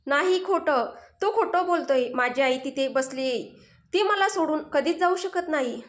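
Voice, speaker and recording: A woman's voice: sits high, unhurried, voice pushed up. A woman voicing Mayuri, tearful young woman. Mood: tearful pleading. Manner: tearful, pleading, stammering repeats. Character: grieving young woman, fragile and clingy. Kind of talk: Marathi audio story dialogue.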